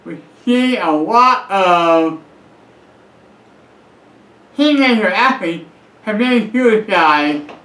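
His voice is high, expressive, and sharp, delivered extremely slowly with frequent pauses. A middle-aged man, he offers earnest, repetitive advice to camera in a vlog, using a nickname for himself. He sits in a leather armchair near a bookshelf in a small, echoey room at home.

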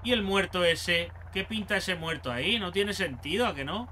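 A man with an accent from Spain giving excitable, foul-mouthed let's play commentary as a gaming channel host, taunting enemies as he plays. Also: high-pitched, normal speed, a little hiss or hum. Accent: Spain Spanish.

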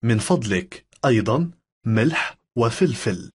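Husky man reading phrases. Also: medium pitch, animated. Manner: measured, careful delivery of each phrase. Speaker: language lesson speaker.

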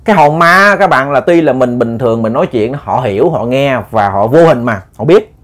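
A man telling a ghost story in a chatty, halting way, often repeating words. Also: mid-range voice, expressive, a bit bright. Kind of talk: casual spoken storytelling.

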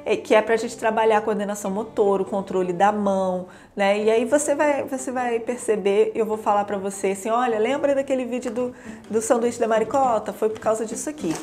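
Chatty Brazilian woman, slightly high voice. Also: steady tone, a little fast, a little mellow, faint music behind. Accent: Brazilian Portuguese. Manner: chatty, frequent tag questions, shows materials to camera. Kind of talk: casual explanatory demonstration.

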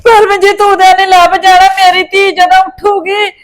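An older woman acts out a grandmother in a homemade family drama, high-pitched and lamenting. Her voice wails and frets, caught up in grief. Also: fairly even intonation, fairly quick, soft background music, close to an everyday voice. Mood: wailing. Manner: wailing, lamenting. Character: distraught grandmother whose grandson is missing. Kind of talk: amateur family drama acting.

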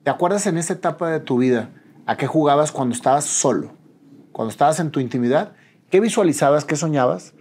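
A man's voice: on the high side, animated, fast, a little hiss or hum. A man in his forties with a Mexican Spanish accent, hosting an interview in a casual, friendly way with slangy asides. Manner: warm, casual slang, addresses guest as friend. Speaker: interview host. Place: dim studio set with dark curtains.

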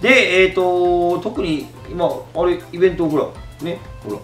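A man's voice: sits high, a little slow, fairly bright tone, roomy sound, faint music behind. A middle-aged man with a Kumamoto accent, hosting a casual chat and teasing his co-host. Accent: Kumamoto dialect. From Kumamoto, Japan. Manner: joking, teasing, laughs often. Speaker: YouTuber host.

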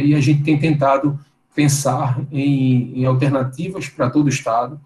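A man's voice: medium pitch, darkish tone, echoey room, poor audio. A Brazilian man in his thirties giving an online lecture over slides on a video call, talking in a conversational way with many fillers and tag questions. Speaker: guest lecturer. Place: indoor room. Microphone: webcam on a video call.

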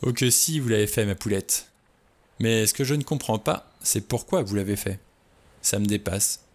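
A man's voice: lowish voice, normal speed. A man voicing a cool, blunt adventurer in an audiobook reading, level and laconic. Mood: mocking.

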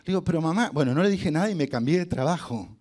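A man's voice: a little high, expressive, fast, a little mellow. A middle-aged man with an Argentine accent giving a motivational storytelling talk. He is humorous and anecdotal, and he acts out the dialogue he quotes. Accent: Argentine Spanish. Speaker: guest speaker.

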